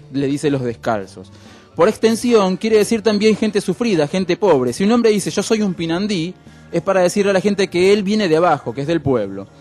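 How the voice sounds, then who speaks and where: A man with an Argentine accent hosting a radio show, explaining things in a wry, relaxed way with lots of fillers. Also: a little high. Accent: Argentine Spanish. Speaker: radio host. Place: radio studio.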